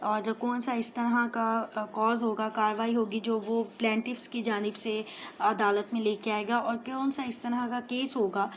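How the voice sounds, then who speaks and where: A woman's voice: a little high, little pitch movement, a little hiss or hum. Woman teaching law in Urdu. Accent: Pakistani Urdu. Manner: reads each English phrase slowly, then glosses it in Urdu; frequent "theek hai" checks and "uh" fillers. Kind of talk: line-by-line legal text lesson.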